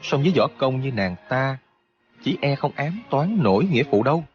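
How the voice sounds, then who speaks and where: A man voicing a gentle young hero. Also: mid-range voice, sing-song, normal speed, dull audio, slight background noise, pitched above the performer's own voice, lightly acted. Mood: reassuring. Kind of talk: audiobook character voice.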